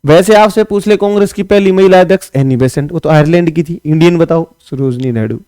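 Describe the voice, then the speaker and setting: A man's voice: on the high side, a little fast, dark tone, clear, resonant tone, no echo, clean studio sound. A man teaching an exam-prep lesson, firing off quiz questions and answering them himself, repeating each answer with a tag question. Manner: casual, scolds sloppy notes.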